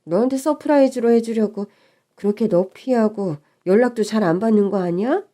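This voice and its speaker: A woman voicing a doting middle-aged mother who talks slowly and reassuringly in an audio story. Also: mid-range voice, close to an everyday voice. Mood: soothing. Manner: slow, gentle and reassuring.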